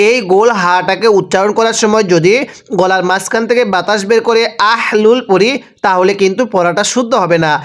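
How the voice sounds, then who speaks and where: A man with a Bangladeshi Bengali accent teaching Quran reading in a spelled-out recitation lesson. He spells each word letter by letter, then recites it slowly and draws out the sounds. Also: high-pitched.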